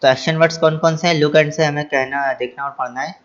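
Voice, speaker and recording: A man's voice: on the high side, steady tone, fast talker, lo-fi sound. A male teacher explaining English action words to children. He spells each word letter by letter, then repeats it, translates it and asks the class rhetorical questions.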